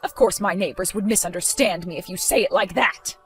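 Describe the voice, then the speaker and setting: A woman's voice: lowish voice, brisk, soft background music, natural voice. A woman voicing a spiteful older mother-in-law in a dramatized story, protesting indignantly.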